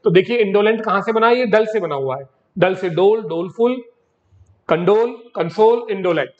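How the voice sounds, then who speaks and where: A man's voice: high voice, moderate pace. A male teacher giving a vocabulary lesson, repeating words in drills and calling his students "beta.". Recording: dull lo-fi recording.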